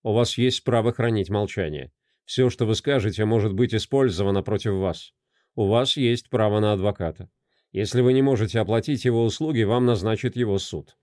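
A man voicing a police officer reading out an arrest in a flat formal tone. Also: lowish voice, a little fast, dry recording, clean studio sound, natural voice.

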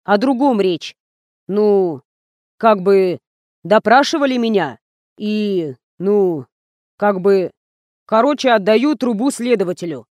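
A woman voicing a rough, slow-witted middle-aged male driver who mumbles colloquially. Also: medium pitch, lively intonation, darkish tone, no room sound. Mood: grumbling.

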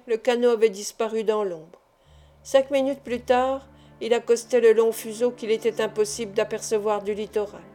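A woman giving a measured, expressive audiobook narration. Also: a little high. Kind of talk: scripted literary narration.

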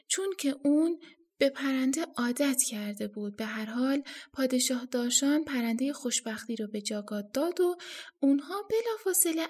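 A woman reading a folk tale aloud as an audiobook narrator, in a calm, expressive storytelling manner. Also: sits high, slightly rough.

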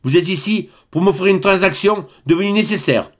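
Old aristocratic baron, stern and proud, imperious and indignant; male narrator puts him on, pitched up with a gravelly edge. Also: lively intonation, normal speed. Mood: dry, cold. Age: older.

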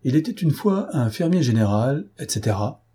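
A man's voice: mid-range voice, big pitch swings, moderate pace, dark tone, breathy edge, pitched above the performer's own voice. A man voicing a haughty nobleman who speaks with ironic superiority. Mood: mocking. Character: haughty, mocking nobleman prince.

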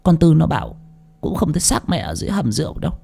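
A man voicing a frightened wife in an audio story, speaking hushed and hurried. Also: on the high side, sing-song, vocal fry, husky, pitched above the performer's own voice, full character voice. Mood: fearful.

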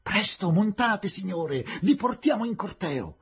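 A man voicing excited young male students in a raised, high, husky voice. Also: measured pace, full character voice. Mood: eager. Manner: shouting eagerly, high-pitched.

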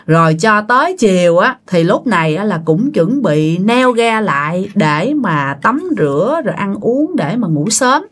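A woman's voice: medium pitch, very animated, a little slow, few pauses. A woman with a Southern Vietnamese accent telling a ghost story casually, talking straight to her listeners. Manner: chatty, addressing listeners directly.

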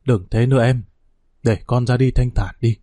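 A man's voice: mid-range voice, fairly even intonation, normal speed, dark tone, dry recording, studio quality, close to an everyday voice. A man voicing a stern, weary village father who speaks in a firm, clipped way.

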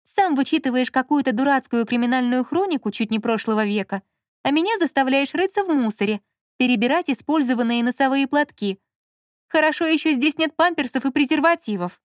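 A woman's voice: high voice, brisk, darkish tone, no echo, studio quality, pitched above the performer's own voice, lightly acted. A woman reading an audiobook and voicing a capricious, playful young woman who whines and teases. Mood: grumbling. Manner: whiny, teasing, shrieks in fright. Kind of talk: audiobook character voice.

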